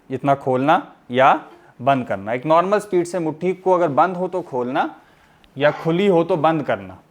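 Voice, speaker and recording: A man teaching a pronunciation lesson, explaining patiently, checking in with his listeners and drawing out letter sounds to demonstrate them. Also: a little high. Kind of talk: recorded Arabic pronunciation lesson.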